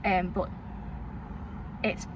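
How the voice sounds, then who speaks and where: Chatting casually for her vlog, a Liverpool woman rambles along with plenty of fillers and small laughs, her soft local accent carrying a Lancashire influence. She draws out her words against background noise, first on a town street and later in a parked car.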